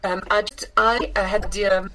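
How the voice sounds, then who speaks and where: A woman singer and actress, born in Scotland and raised in South Africa, chatting as a guest with many pauses and restarts. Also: medium pitch, flat delivery, fairly bright tone, a little hiss or hum, rough recording. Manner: hesitant, many ums and restarts. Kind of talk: casual interview chat.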